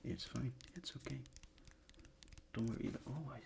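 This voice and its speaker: In his bedroom at a desk, a non-native English-speaking man records a soft-spoken ASMR chat, mostly whispering in a soft, unvoiced way. He rambles, loses his thread, and keeps restarting, speaking at a moderate pace with a medium pitch. The home recording has clear background noise, and objects crinkle and crumple throughout.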